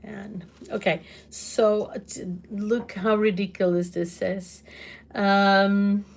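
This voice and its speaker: Loud, laughing Portuguese woman, slow. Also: medium pitch, level tone, vocal fry. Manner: loud, laughs often, exclaims. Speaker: livestream host. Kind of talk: casual livestream chat answering comments. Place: home kitchen.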